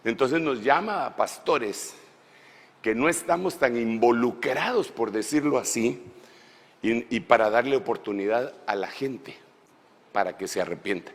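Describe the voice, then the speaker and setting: A man preaching a sermon at a church conference in an animated way, swinging from shouts to low asides and calling his listeners brother. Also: unhurried. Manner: folksy, addresses listeners as brother. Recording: long hall reverb in a church.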